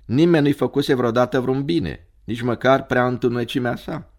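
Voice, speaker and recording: A man narrating a story in a measured, dramatic reading. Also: medium pitch.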